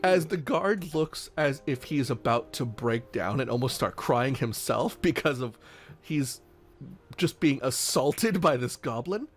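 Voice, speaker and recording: A man's voice: medium pitch, expressive, measured pace, faint music behind. A man narrating as game master in a tabletop game, rambling with many fillers.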